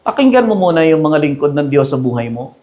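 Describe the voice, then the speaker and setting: A man's voice: a little high, sing-song, fast, a little mellow. A male pastor preaching a sermon, emphatic and switching between Tagalog and English phrases.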